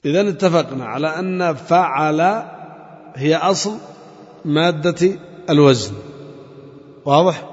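A man's voice: a little high, unhurried, pauses often. A man teaching a grammar lesson to a class. He explains step by step, repeats key terms and quizzes his students. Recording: muffled audio with long hall reverb.

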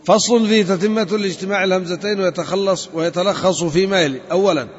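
A man with a high voice teaches a grammar lesson, working through each step and stretching out the word forms as he repeats them. The recording is dull and lo-fi, with a long reverb hanging over his voice. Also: steady tone. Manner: methodical, repeats and spells out word forms slowly.

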